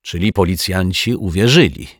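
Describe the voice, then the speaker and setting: A man's voice: low voice, moderate pace, dry recording, studio quality. A man voicing a proud, easily offended detective in a children's audiobook, with a huffy manner. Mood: indignant. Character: indignant proud male detective.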